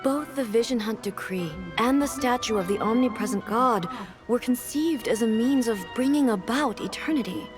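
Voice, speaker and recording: A woman voicing a dignified immortal ruler in a video game, speaking in a measured, formal, thoughtful way. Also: a little high, over music, lightly acted. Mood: solemn, reflective.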